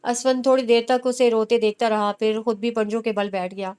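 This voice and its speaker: A woman narrating a romance novel as an audiobook in a steady storytelling manner. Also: a little high, clean tone.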